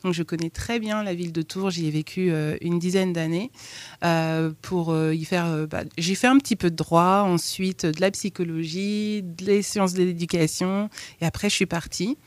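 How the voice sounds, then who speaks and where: A woman from France, an author and therapist, answering radio interview questions in a halting way with many hesitations, in a studio. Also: on the low side, steady tone, dry recording.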